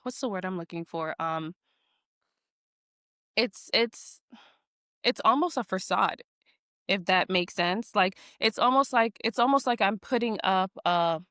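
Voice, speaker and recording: A woman and mother speaking reflectively in a casual heartfelt conversation, often pausing to find words. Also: medium pitch, a bit bright, dry recording, clean studio sound. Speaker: mother, co-host.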